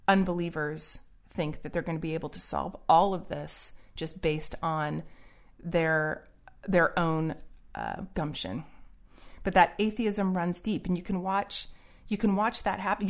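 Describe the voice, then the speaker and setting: A middle-aged woman giving earnest, preachy solo commentary in a warning tone. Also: on the low side.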